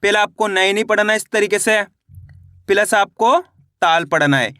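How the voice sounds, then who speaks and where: A man teaching children to read, spelling out syllables slowly and asking and answering his own questions. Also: high voice, pushed and bright, no echo, studio quality. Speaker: Hindi reading teacher. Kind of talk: spelling-out phonics lesson.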